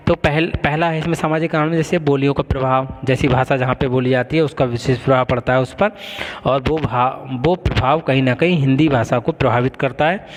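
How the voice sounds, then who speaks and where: Lecturing man in a reverberant hall. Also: medium pitch. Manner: explains with frequent checks of "ठीक है". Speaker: teacher. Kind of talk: classroom lecture. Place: college classroom.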